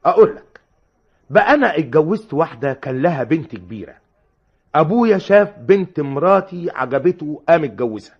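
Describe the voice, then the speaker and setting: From a dull, lo-fi old radio broadcast comes a stubborn, outspoken escaped madman with an Egyptian accent. He talks fast in a husky, fairly high voice. He is brash and cheerfully sure of his own absurd logic. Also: very animated, heavily acted. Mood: explaining. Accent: Egyptian Arabic. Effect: old radio broadcast sound. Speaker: lead in a radio comedy. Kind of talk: 1950s Egyptian radio comedy acting.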